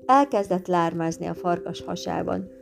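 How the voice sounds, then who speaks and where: A woman narrating a storybook tale in a lively, expressive reading, with guitar music behind. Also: fairly low pitch, creaky.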